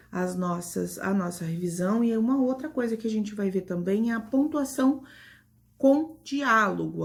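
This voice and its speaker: A woman's voice: mid-range voice, gravelly. A woman primary school teacher with a Brazilian Portuguese accent, giving a patient, affectionate online grammar lesson to children.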